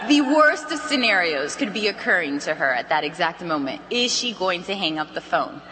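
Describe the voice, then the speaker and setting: A woman giving an energetic sales training talk to a live audience, acting out phone calls in lively voices. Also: lowish voice, normal speed, big-room sound, noisy background. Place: large hall with an audience.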